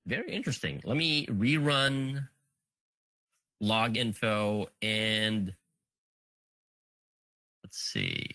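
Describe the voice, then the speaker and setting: A man's voice: on the low side, bright, forceful tone, no room sound, poor audio. A man presenting a technical session, talking through a live demo, counting items on screen and thinking aloud with frequent fillers. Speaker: conference presenter.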